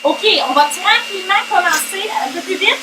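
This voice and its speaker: Bubbly québécois woman goofing around while cooking, high bright voice, echoey kitchen, mixer whirring. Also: moderate pace, recorded from a distance, background noise. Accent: Québécois French. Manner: playful, sing-song, jokey, mixes English words. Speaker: vlog host cooking. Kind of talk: playful home cooking vlog. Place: home kitchen. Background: electric hand mixer whirring.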